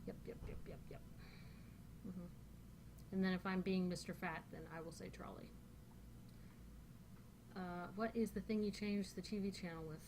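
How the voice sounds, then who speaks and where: A woman vlogger, a native English speaker with a central Northern Californian accent, rambles casually through a dialect questionnaire with lots of fillers. Her mid-range voice is steady at a normal speed, and she pauses often. The background is noisy.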